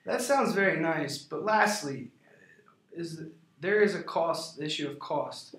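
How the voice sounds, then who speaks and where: A man with a slightly high voice plays the client in a rehearsed business conversation. He talks in a measured, formal manner. The room around him sounds clearly echoey. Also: a bit bright. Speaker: prospective client in a sales role play.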